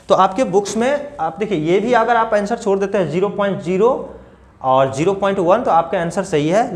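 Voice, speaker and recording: Man, high voice, math teacher, patient, step by step, repeats numbers. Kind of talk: classroom math lesson.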